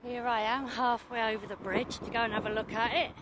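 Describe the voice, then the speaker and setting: A woman's voice: a little high, steady tone, a little fast. A woman chatting casually to her phone camera while walking around a harbour quayside, exclaiming and mildly swearing. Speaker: vlogger. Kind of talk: casual handheld narration. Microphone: phone camera held in hand. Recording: outdoor noise on phone mic.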